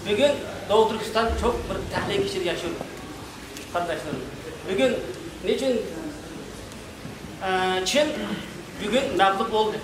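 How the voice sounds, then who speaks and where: A man with a high voice gives a speech in broken, foreign-accented Turkish. He halts to find words and phrases things unevenly. The sound is distant and noisy, with heavy room echo. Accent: Uyghur-region accent in broken Turkish. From East Turkistan. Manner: broken foreigner's Turkish, halting word search. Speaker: guest speaker, activist. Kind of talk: public speech. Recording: echoey hall, distant mic, clear noise.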